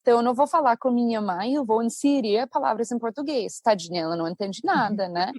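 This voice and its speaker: Brief: woman, English speaker, podcast guest, bright higher voice, dry close sound, animated talker. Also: fast, no echo. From United States. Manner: animated, thinks aloud with many asides. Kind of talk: casual podcast conversation.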